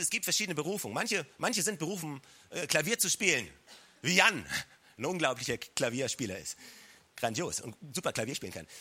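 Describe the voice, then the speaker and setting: A man preaching a sermon at a church service, speaking directly to his listeners and repeating lines for emphasis, sometimes dropping his voice low and soft to stress a point. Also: slightly rough. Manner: drops to a low soft voice to stress key words. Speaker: pastor. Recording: live church recording.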